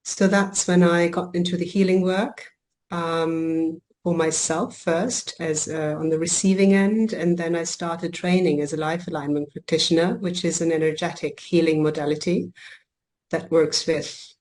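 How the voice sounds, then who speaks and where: A woman who grew up in Germany talks about her coaching and healing work during a podcast interview. She's thoughtful, with ums and restarted phrases, and her slightly low, darkish voice keeps a fairly even intonation.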